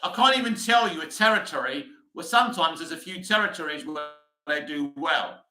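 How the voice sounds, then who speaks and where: A middle-aged man holds forth on a casual livestream, reading out viewer comments and answering them with blunt opinions. His voice is bright and sharp and sits a little high for a man. The room around him is echoey. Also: fairly quick, faint music behind. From England. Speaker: livestream host reading chat.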